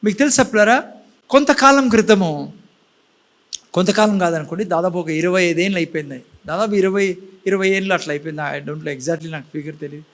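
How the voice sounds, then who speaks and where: A pastor preaching in church in a lively sermon style, firing questions at the congregation and mixing in words. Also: male voice, high-pitched, a little fast.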